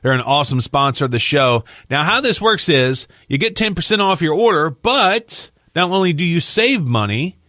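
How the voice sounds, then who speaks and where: Tired podcast co-host doing sponsor plugs. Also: male voice, on the high side, very animated, normal speed, few pauses, bright, forceful tone, no echo, studio quality. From Louisiana. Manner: chatty, loose, with filler words. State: tired, yawning. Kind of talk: casual podcast chat, reading sponsor plugs.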